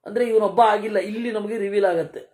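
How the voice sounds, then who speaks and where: A Purana expounder gives a scripture discourse, chanting verses slowly and evenly before explaining them in casual, everyday language peppered with rhetorical questions. The voice is medium-pitched, steady, and a little mellow.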